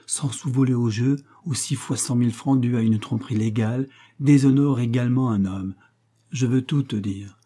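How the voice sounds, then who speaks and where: A man's voice: medium pitch, moderate pace, dark tone, close to an everyday voice. A man reading aloud the tender, moralizing letter of an earnest young wife.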